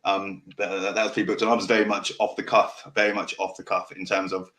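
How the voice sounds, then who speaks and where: Male podcast host, lowish voice, w-for-r speech, direct and passionate, unscripted and rambling, sweary. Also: flat delivery, fairly bright tone. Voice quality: can't pronounce R's properly, saying w for r. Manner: fast, direct, passionate delivery that can sound angry; rambling, loses his thread and restarts. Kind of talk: off-the-cuff casual monologue.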